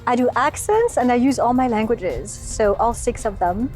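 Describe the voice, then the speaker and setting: French-raised actress, thoughtful and halting. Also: female voice, fairly high pitch, expressive, darkish tone, soft background music. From France. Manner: thoughtful, many fillers and restarts. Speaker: actress and voice actor, interview guest. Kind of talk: interview answers.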